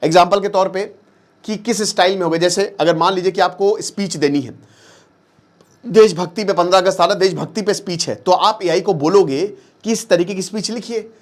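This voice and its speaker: A man's voice: high-pitched, fairly quick. A man teaching in a casual, conversational way, mixing English terms into his speech and often checking in with the listener. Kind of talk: casual explanatory lesson.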